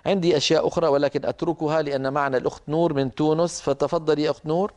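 A man teaching Quran recitation rules, explaining grammar and pronunciation and demonstrating each sound slowly. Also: fairly high pitch, steady tone, a little mellow. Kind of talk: tajweed lesson with live correction.

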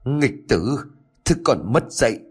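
A man voicing an angry older stepfather who scolds forcefully. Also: lowish voice, sing-song, fast, faint music behind. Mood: furious scolding.

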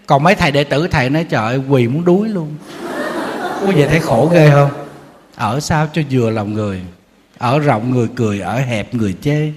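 A man giving a Buddhist dharma talk as a monk, telling anecdotes in an animated, humorous way. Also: mid-range voice, quick pace, a little hiss or hum. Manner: storytelling, animated, acting out quotes with humor. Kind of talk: sermon. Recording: long hall reverb.

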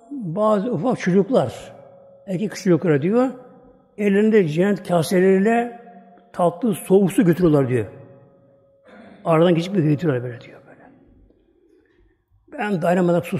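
High-voiced preacher in an echoing hall. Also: male voice, warm tone. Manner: dramatic, repetitive storytelling. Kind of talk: sermon. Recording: long hall reverb.

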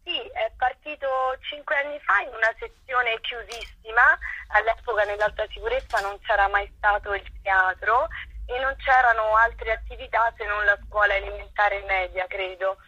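Speaking at a moderate pace, a husky woman with a highish, pushed, bright voice talks earnestly about her theatre directing during a phone interview with a broadcast. The line comes through tinny and echoey.

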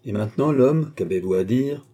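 A man's voice: medium pitch, expressive, moderate pace, warm tone, breathy edge, voice pushed up. A man reading aloud and voicing a harsh, bullying male magistrate who sneers and barks his orders. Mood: harsh, shouting. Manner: sneering, barking.

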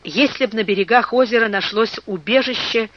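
Narrator reading an old adventure novel, steady measured pace, kinda muffled lo-fi sound. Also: medium pitch. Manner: measured storytelling. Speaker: audiobook narrator. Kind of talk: scripted narration of a classic novel.

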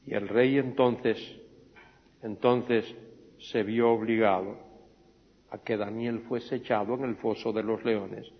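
A man teaches scripture in an unhurried, deliberate preaching style. He repeats phrases for emphasis, asks his listeners rhetorical questions and acts out the quoted lines with a raised voice. The recording is dull and lo-fi, with a long echo from a large hall. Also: fairly low pitch, fairly even intonation. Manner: dramatic retelling, acts out the quoted speech in a raised voice. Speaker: Bible teacher. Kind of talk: sermon-style Bible study.

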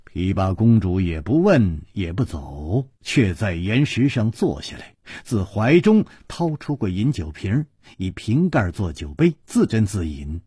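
A man narrating a story in an animated, dramatic radio storytelling style. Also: on the low side, unhurried, slightly rough, dry recording, studio quality.

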